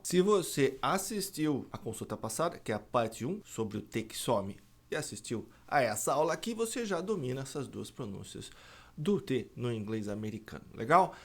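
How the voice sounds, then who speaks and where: Lively Brazilian man teaching pronunciation. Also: medium pitch. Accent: Brazilian Portuguese. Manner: lively, repeats each example word slowly and carefully. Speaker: English teacher. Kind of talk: video lesson explaining pronunciation.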